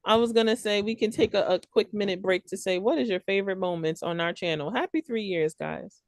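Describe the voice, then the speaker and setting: A woman's voice: mid-range voice, no room sound, studio quality. A woman hosting a casual podcast chat, teasing her co-hosts in a playful way. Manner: teasing, playful, quick to laugh. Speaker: podcast host.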